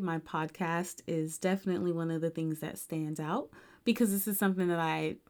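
A woman's voice: lowish voice, smooth. A young adult woman hosting her own podcast, talking in a reflective, casual way with frequent ums. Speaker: podcast host.

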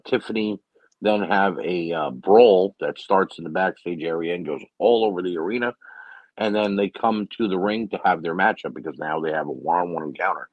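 A man with a very deep voice talks through a wrestling show in a loose, opinionated recap, stopping often on filler words. The sound is dry and close with a slightly dull, muffled tone. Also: dry recording. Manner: opinionated, rambling with many fillers. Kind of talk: casual solo recap commentary.

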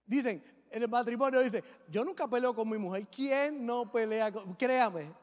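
A man's voice: extremely high pitch, moderate pace. A middle-aged man, a pastor, preaching a sermon with emphatic delivery and joking asides. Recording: long reverb of a large hall.

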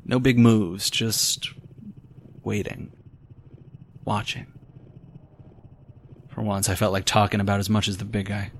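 A low-voiced, weary noir detective. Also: male voice, level tone, a little slow, pauses often, slight background noise. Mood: brooding, wry. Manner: wry, exasperated, hardboiled. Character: world-weary, sarcastic male private detective, brooding and stubborn. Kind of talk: noir audio drama narration and dialogue.

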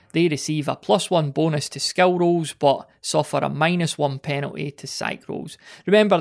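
Gravelly man musing on a podcast. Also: fairly high pitch. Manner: rambling, self-interrupting, wry asides. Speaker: podcast host. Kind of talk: casual solo podcast talk.

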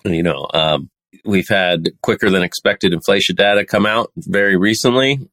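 Male podcast co-host, low voice, dry close sound, joking and casual with finance news. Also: moderate pace, a bit bright, no room sound. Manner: joking, swears, laughs often, reads quotes aloud.

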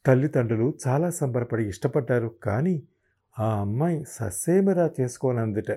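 A man voicing an affectionate, protective older mother-in-law in an audiobook reading, coaxing and quick to worry. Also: mid-range voice, lively intonation, mellow, breathy edge. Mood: explaining. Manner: coaxing, worried, quickly indignant.

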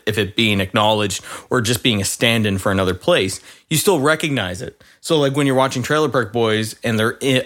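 Bright-voiced joking podcast co-host man. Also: medium pitch. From Canada. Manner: jokey, playful banter. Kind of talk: casual podcast chat.

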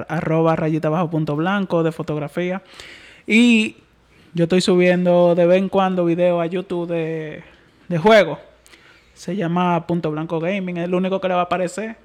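High-voiced Dominican man hosting casually. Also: fairly even intonation, moderate pace, darkish tone. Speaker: podcast host. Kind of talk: casual group chat.

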